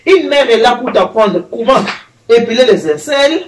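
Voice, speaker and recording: Chatty grandma in an echoey kitchen. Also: female voice, a little high, moderate pace. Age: older. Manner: chatty, teasing, animated storytelling. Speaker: host, grandmother. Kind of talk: cooking show with marriage advice. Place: home kitchen. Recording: echoey room, voice from far off, faint noise.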